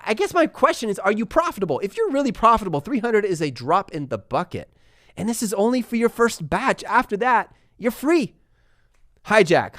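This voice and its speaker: A man from Texas and California hosting a casual live stream, talking fast and energetically while reading viewer comments aloud. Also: sits high, fairly bright tone, no echo, studio quality. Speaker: livestream host answering viewer questions.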